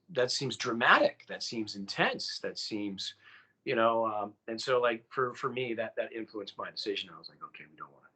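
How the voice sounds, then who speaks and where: Podcast co-host, male, bright voice, loose rambling delivery full of fillers. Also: lowish voice, husky. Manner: rambling, many fillers and restarts. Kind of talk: casual chat.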